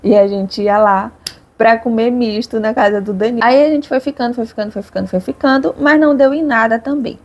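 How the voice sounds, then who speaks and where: A young woman, speaking in a fairly high voice. She chats casually and expressively with her viewers, vlog-style, her voice climbing sharply when the story gets emotional. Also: fast talker, few pauses. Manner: chatty, expressive, swings up high at emotional moments. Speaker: vlogger.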